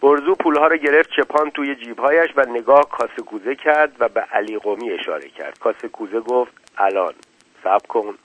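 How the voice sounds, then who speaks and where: A man reading a novel aloud as narrator, in a measured, unhurried storytelling manner. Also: medium pitch, lively intonation, fairly bright tone, no echo. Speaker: audiobook narrator. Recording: dull lo-fi dry recording.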